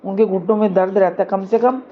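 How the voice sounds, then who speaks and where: Caring adult son voiced by a woman, calm reproachful tone, muffled lo-fi sound. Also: mid-range voice, quick pace, lightly acted. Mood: concerned. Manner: reasoning, gently scolding.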